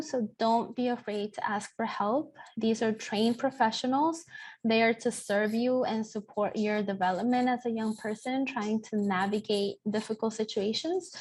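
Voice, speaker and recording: A woman's voice: mid-range voice, darkish tone, low-quality recording. A woman, a former teacher, giving reassuring guidance in a panel discussion. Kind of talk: informational panel talk.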